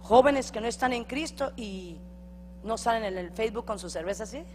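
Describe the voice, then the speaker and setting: A middle-aged Honduran woman pastor preaching a sermon in a church hall, acting out quoted voices and building to loud, emphatic peaks. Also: on the high side, moderate pace. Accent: Honduran Spanish. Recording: long hall reverb, faint hum.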